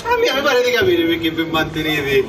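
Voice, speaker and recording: A man acting a mocking, sceptical village crony in a stage comedy, needling and animated, in Sicilian dialect. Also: fairly high pitch, fairly quick. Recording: echoey theatre stage, distant mic, audience.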